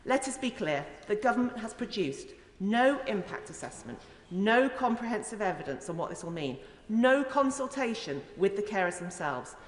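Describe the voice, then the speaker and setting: A woman's voice: mid-range voice, very animated, normal speed, hardly any pauses. A woman, a member of parliament, giving an earnest, emphatic and rhetorical speech in a formal parliamentary debate. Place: large indoor parliamentary chamber. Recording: echoey, reverberant debating chamber.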